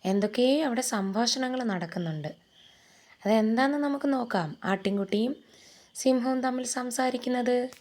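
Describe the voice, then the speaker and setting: A woman with a Malayali accent teaching a first-grade lesson to young children, talking slowly in a sing-song storytelling way. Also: fairly high pitch, darkish tone.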